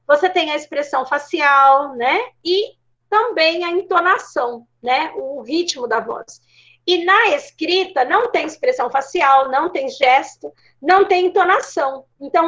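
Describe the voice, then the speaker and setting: High-voiced Brazilian teacher on a call. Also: female voice, a bit bright. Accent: Brazilian Portuguese. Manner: explanatory, checks in with frequent tags. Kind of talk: online class lecture. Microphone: video call. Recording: dull lo-fi call audio.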